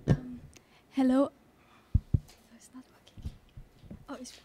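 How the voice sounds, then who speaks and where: High-pitched young woman. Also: little pitch movement, a little slow, dark tone, a little hiss or hum. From Vietnam. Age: young adult. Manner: careful, hesitant with fillers. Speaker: student presenter. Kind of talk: case competition presentation.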